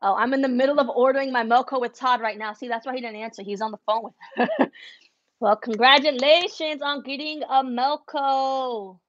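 On a livestream from her indoor embroidery studio, a young adult woman who vlogs about her embroidery business talks casually, moving between Spanish, her first language, and English. She has a high voice with fairly even intonation and a moderate pace. The wireless earbuds give a dry recording with the highs cut off.

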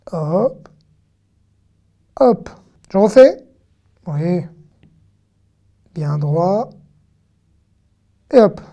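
A woman giving an online lesson, chatty and lively, talking straight to her viewers with frequent "hop" and "hein" asides. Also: medium pitch. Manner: addresses the viewer directly. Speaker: Hebrew teacher.

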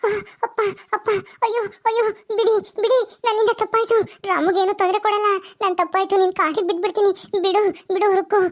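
A woman's voice: very high voice, steady tone, fast, hardly any pauses, highs cut off. A woman playing a cowardly daughter-in-law who wails and pleads in panic in a comic skit. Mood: wailing.

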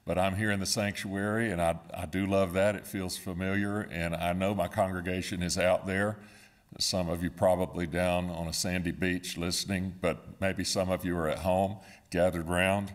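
A man in his fifties, a pastor at a pulpit in a church sanctuary, opening a sermon and reading scripture in a calm, measured way. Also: deep voice. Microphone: standing at a pulpit, far camera.

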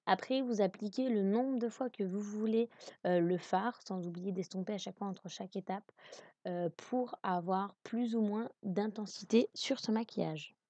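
A woman's voice: medium pitch, normal speed, mellow, no room sound. A woman narrating a makeup tutorial in a casual voice-over, chatty with many hesitations.

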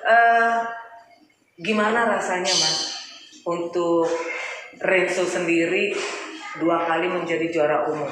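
A woman's voice: fairly low pitch, steady tone, slow, long pauses. A woman reporter asking chatty, friendly questions in a casual interview at a karate dojo. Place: indoor trophy room of a karate dojo. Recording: echoey room, voice from far off, crowd noise.

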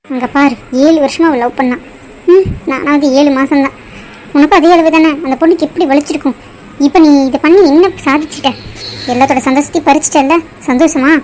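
A heartbroken young bride hurls bitter accusations in a high voice, as a woman acts her out. She sounds like a character from a cartoon drama. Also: darkish tone, a little hiss or hum, lightly acted, rough recording. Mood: furious.

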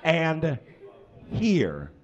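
A young man gives a live comic reading of a story on a small indoor stage hung with curtains, hamming it up in a mock-serious style and adding ad-libs. He speaks extremely slowly in a slightly high voice with huge swings in pitch, recorded by a camera a few metres away.

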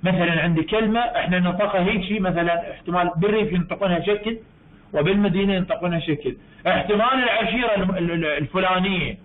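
A high-voiced man with an Iraqi Arabic accent gives a university English lecture over a tinny online call. He explains things slowly, repeating himself and correcting his own words as he goes. The sound is thin and narrow, like a phone line.

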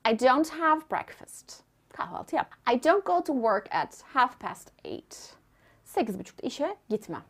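A young adult woman teaching a language lesson, saying example sentences slowly and clearly and translating each one. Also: a little high. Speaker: English teacher.

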